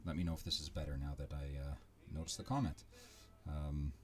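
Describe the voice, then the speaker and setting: Low-voiced man rambling while he draws. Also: steady tone, brisk, a little mellow, slight background noise. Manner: rambling, chatty and self-deprecating. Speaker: digital artist streaming his work. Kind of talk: casual live-stream commentary while drawing. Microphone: desk microphone with a level meter.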